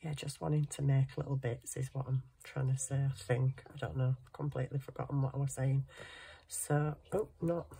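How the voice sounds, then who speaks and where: With a bass voice that barely moves in pitch, a middle-aged woman speaks at normal speed in a mellow, husky tone, her nose congested. Bunged up with a cold and sniffing, this craft channel host chats casually and self-deprecatingly while hand sewing at a cluttered craft table indoors.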